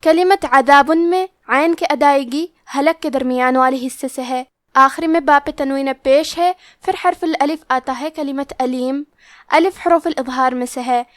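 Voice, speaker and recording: A woman teaching Quran recitation, explaining the rules of each letter step by step and reciting verses slowly. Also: high voice, no room sound, clean studio sound. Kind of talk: tajweed lesson with slow recitation.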